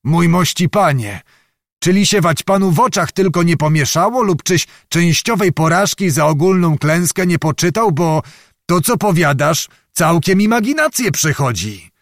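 A man's voice: on the high side, animated, moderate pace, no echo, clean studio sound, voice pushed up. A man voicing a boastful, skeptical older nobleman in a storybook reading, asking doubting, reproachful questions.

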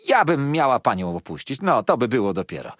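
A man's voice: mid-range voice, big pitch swings, fairly quick, fairly bright tone, no room sound, clean studio sound, voice pushed up. A man reading aloud and voicing a loyal, fiery old woman servant with emphatic, indignant exclamations.

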